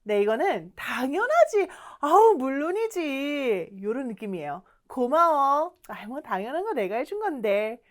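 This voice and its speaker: A woman's voice: a little high, very animated, moderate pace, hardly any pauses. A young woman teaching English to learners in an online lesson, coaxing and acting out little dialogues.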